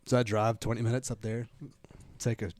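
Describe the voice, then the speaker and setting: A man's voice: lowish voice, level tone, fairly quick, a little mellow, no room sound. A man, co-hosting a casual podcast and telling a rambling story full of repeats and asides. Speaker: podcast co-host. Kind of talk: casual chat.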